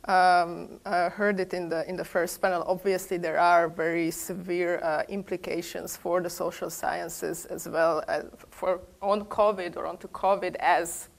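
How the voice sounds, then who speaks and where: Flat-toned woman panelist. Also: on the low side, a little slow, creaky, few pauses. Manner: hedging, careful. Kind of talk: panel discussion. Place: large room with a seated audience.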